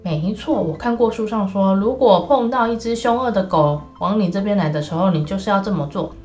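A woman's voice: medium pitch, fairly quick, lo-fi sound, soft background music, lightly acted. A woman doing a careful, bossy boy. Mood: hushed. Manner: careful, lecturing, often hushed. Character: cautious sensible young boy, protective big brother.

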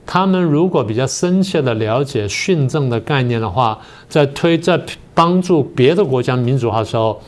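An older man, a political science professor and guest on a talk show, explaining history in a slow, methodical way. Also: medium pitch, animated. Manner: methodical, explains step by step with many pauses.

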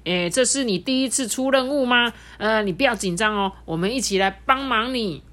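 A woman's voice: fairly high pitch, brisk, fairly bright tone, voice pushed up, lightly acted. A woman voicing a kind rescue train engine that soothes a nervous newcomer. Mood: reassuring.

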